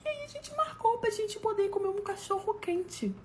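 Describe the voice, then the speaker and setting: A woman's voice: extremely high pitch, normal speed, a little hiss or hum. A woman from Brazil telling comic personal stories in a casual way, laughing and acting out what people said. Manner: animated, laughs at her own story, acts out quotes. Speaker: storyteller.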